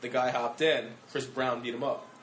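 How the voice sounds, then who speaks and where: A young man co-hosts a casual podcast chat, coming across brash and crude with blunt opinions. His medium-pitched, fairly bright voice has fairly even intonation at normal speed, with slight background noise.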